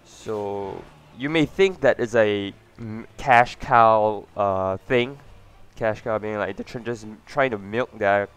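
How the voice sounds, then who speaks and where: A man's voice: fairly low pitch, slow, fairly bright tone, clean tone. A man hosting a casual gaming video, chatting loosely with lots of fillers and restarts. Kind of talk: casual gameplay commentary.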